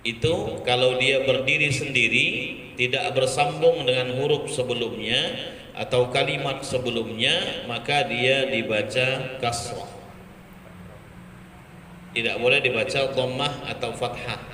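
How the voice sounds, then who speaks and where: A man teaching Quran reading, patiently repeating Arabic words and chanting them slowly. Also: medium pitch, fairly even intonation, sharp tone, slight background noise. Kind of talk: slow Quran recitation lesson. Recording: echoey hall with faint ambience.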